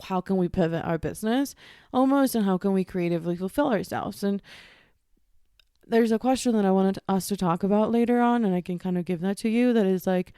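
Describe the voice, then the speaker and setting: A woman's voice: mid-range voice, fairly quick, warm tone, smooth, no echo, studio quality. A woman in her thirties from Ecuador, co-hosting a casual podcast chat, rambling with lots of "like" and restarts. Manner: chatty, lots of likes and restarts. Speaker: podcast co-host.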